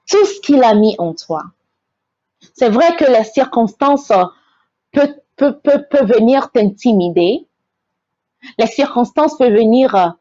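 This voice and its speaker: A woman speaks slowly and earnestly in a faith-based inspirational talk. Her voice sits fairly high and she often stumbles over repeated words. The recording is dry and slightly dull, like lo-fi audio. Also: darkish tone, dry recording. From Togo. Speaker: host, motivational speaker.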